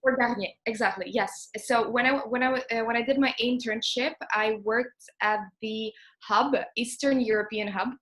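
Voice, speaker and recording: A woman's voice: a little high, steady tone, moderate pace, fairly bright tone. A young woman from Ukraine, an alumna guest in an online interview, talking with many fillers and self-corrections. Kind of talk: conversational interview.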